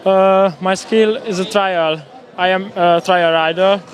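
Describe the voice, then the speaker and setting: Man, Hungarian accent, halting English, high voice, slow. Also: steady tone. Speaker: race winner.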